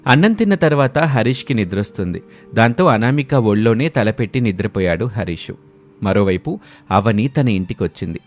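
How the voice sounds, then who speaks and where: A man narrating a moral storybook in a steady, expressive way. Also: on the low side, normal speed.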